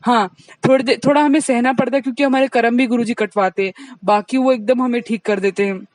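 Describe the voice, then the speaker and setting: A woman sharing her devotional testimony in a satsang, talking fast and earnestly to the congregation, a little distant from the mic. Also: a little high, fairly even intonation, darkish tone, dry recording. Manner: speaks quickly, admits it herself; earnest, addresses the congregation directly.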